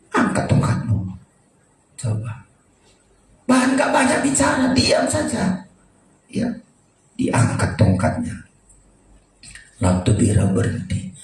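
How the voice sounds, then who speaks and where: A man preaching a sermon as pastor, with sudden loud high bursts. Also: far from the mic, slight background noise. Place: church. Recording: echoey church hall from afar.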